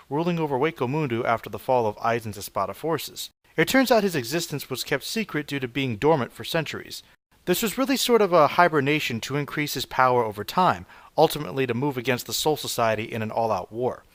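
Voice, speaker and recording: A man narrating a scripted video essay as a reviewer, with a measured, analytical delivery. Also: medium pitch, fairly bright tone, dry recording.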